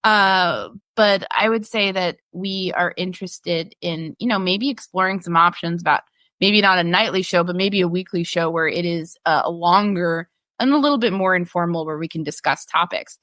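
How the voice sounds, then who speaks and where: Female podcast co-host, lower-pitched, dry close sound, rambling conversational delivery. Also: normal speed, fairly bright tone, dry recording. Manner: chatty, many restarts and fillers, laughs easily. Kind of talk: casual chat reading patron questions.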